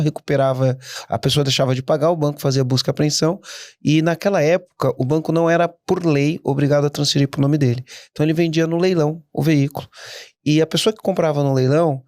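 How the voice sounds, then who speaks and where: A middle-aged man, a guest entrepreneur telling stories in a casual interview, animated and quick to restart his sentences. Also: medium pitch, dry recording, clean studio sound. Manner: animated, anecdotal, frequent restarts.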